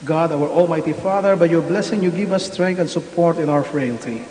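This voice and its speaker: A man, a priest intoning prayers in a measured way at an online Mass, his voice carrying a cathedral echo. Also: fairly high pitch, darkish tone. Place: large church. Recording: echoey hall with faint hiss.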